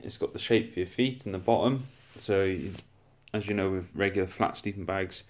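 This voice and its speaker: A man's voice: low voice, fairly quick. A man giving a casual, chatty walkthrough of his outdoor gear, filmed on a handheld phone camera indoors at home. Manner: chatty, relaxed, with frequent restarts. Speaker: gear reviewer.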